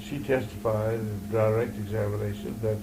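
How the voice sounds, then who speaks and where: An older man, reminiscing in a halting, folksy way in a casual interview. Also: on the low side, little pitch movement. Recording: noisy 1981 amateur interview recording.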